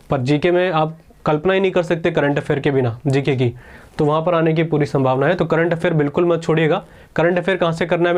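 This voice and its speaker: A man's voice: a little high, a little mellow. A man teaching exam strategy in a casual, chatty lecture, often checking in with his students. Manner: quick, chatty, keeps saying "ठीक है".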